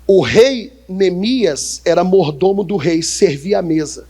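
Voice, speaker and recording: High-voiced Brazilian pastor preaching. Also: male voice, animated, slow pace. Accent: Brazilian Portuguese. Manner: call-and-response, questioning the congregation; acts out quoted voices with sharp pitch jumps. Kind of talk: sermon. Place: church.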